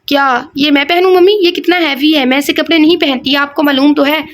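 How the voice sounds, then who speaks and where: A woman's voice: high-pitched, fairly even intonation, lightly acted. A woman voicing a talkative, innocent young woman in an audio novel. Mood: chatty. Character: chatty naive young woman.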